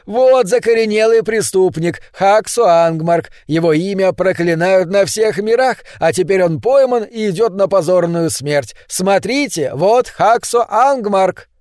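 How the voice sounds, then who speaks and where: A man voicing a cruel, triumphant male impostor who loudly proclaims in a sing-song way. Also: fairly high pitch, animated, moderate pace, no room sound, clean studio sound, natural voice. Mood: proclaiming.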